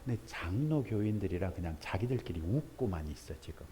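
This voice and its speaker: Animated Korean pastor telling a story. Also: male voice, low-pitched, a little fast, slight background noise. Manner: animated storytelling, acts out characters in raised voice. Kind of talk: sermon.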